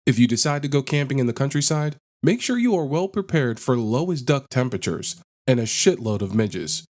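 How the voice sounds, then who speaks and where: A man narrating online posts in a flat, list-like read-aloud delivery, as a scripted narration. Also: mid-range voice, a little fast.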